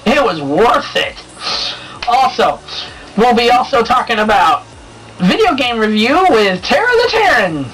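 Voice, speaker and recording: A man hosting his own review show in a casual vlog style, excitable and chatty, laughing often as he talks. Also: extremely high pitch, unhurried. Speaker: show host reviewing comics and movies. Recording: distant mic with faint background noise.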